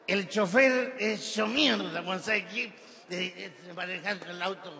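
A man's voice: high voice, measured pace, sharp tone. A man with a Chilean accent telling crude, rambling jokes full of slang in a stand-up set on a big festival stage. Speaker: stand-up comedian. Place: large festival amphitheater stage. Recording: reverberant live venue with crowd ambience.

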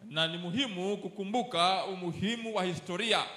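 A man's voice: high-pitched, brisk, bright, forceful tone, reverberant. A man interpreting a church sermon, repeating each of the preacher's phrases right after him.

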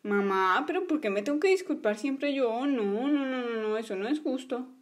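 A woman's voice: a little high, lively intonation, normal speed, faint music behind, lightly acted. A woman voicing a bossy, stubborn young boy in a toy play story, whiny in manner.

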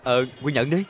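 A man's voice: mid-range voice, a little hiss or hum. An eager lovestruck young man. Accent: Southern Vietnamese. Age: young adult. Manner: eager, boyish pleading.

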